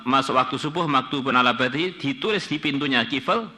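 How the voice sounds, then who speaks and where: A man giving a sermon, reading Arabic lines and translating them phrase by phrase, with sudden loud rises and quiet drops. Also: mid-range voice, brisk. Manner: reads Arabic text then translates it phrase by phrase. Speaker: preacher. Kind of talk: afternoon religious study sermon.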